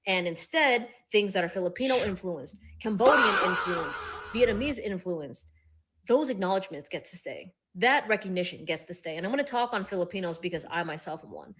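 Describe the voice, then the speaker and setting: A woman's voice: on the low side, animated, fairly quick, background noise. A woman giving a blunt, profane, emphatic rant straight to camera as a social media commentator.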